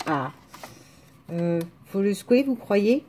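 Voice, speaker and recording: A woman's voice: mid-range voice, expressive, takes it slowly, mellow. A woman with a rural French accent, chatting casually to viewers in a haul video, rambling with hesitations and restarts. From France. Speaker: vlogger showing a craft haul.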